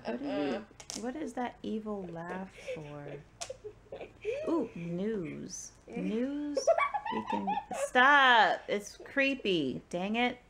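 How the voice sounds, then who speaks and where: A woman's voice: medium pitch, very animated, takes it slowly, creaky, slight background noise. A woman vlogger chatting and joking during a word game at home, teasing and exasperated. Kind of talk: casual chat while playing a word game.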